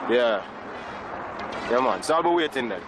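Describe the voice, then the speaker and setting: A young man quietly giving in to a criminal offer, flat and resigned, as an actor plays him. Loud music plays under his lines. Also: medium pitch, moderate pace, lightly acted, rough recording.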